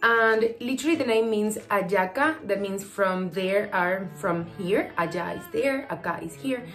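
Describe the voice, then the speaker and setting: A woman's voice: mid-range voice, a little slow, a bit bright, faint music behind. A woman in her thirties with a Venezuelan Spanish accent, a native Spanish speaker, chatting casually to her phone camera as a cooking vlogger and explaining as she goes. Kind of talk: casual vlog. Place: bedroom indoors, then kitchen.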